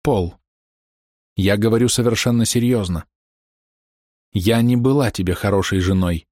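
A man's voice: on the low side, measured pace, darkish tone, dry recording, studio quality. A man voicing a remorseful young wife who confesses her adultery in an anguished, pleading way. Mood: confessing. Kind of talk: audiobook character voice.

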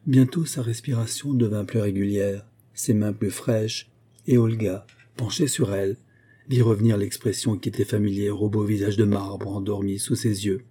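A man narrating a novel as an audiobook, in a calm, even-paced reading. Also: lowish voice, moderate pace, husky.

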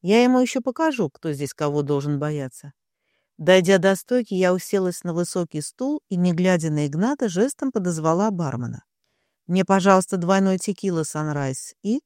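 A woman reading a first-person romance novel aloud in an even, measured manner. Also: fairly low pitch, no echo, studio quality. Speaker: audiobook narrator.

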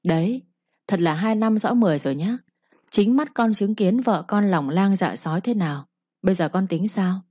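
A woman voicing a cold, domineering old mother-in-law who speaks slowly and cuttingly. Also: mid-range voice, mellow, breathy edge, no echo, lightly acted. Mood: triumphant.

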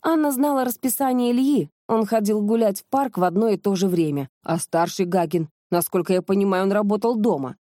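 A woman voicing a sharp-minded woman investigator who calmly lays out a case in a close, dry studio recording. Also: mid-range voice, no room sound, natural voice. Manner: calm, reasoned explaining.

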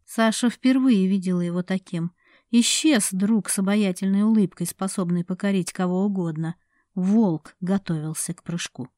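Mellow-voiced woman narrating a story. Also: medium pitch, moderate pace, no echo, clean studio sound. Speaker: audiobook reader. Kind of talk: scripted narration.

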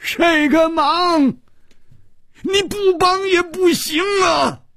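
A man voicing a furious, desperate husband who shouts in a hoarse, strained voice. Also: high voice, huge pitch swings, drawn-out words, no room sound, clean studio sound, voice pushed up, heavily acted. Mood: shrill furious.

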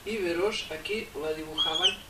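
A man's voice: on the high side, normal speed. A man with a Catalan accent teaching theosophy informally to a small group, rambling and asking "¿eh?" often. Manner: rambling, asks "¿eh?" again and again, thinks aloud. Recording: distant mic with faint noise.

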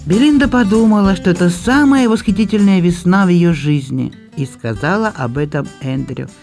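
A man narrating a novel in a calm, even storytelling manner. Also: high-pitched, normal speed, faint music behind. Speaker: audiobook narrator. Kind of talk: scripted narration.

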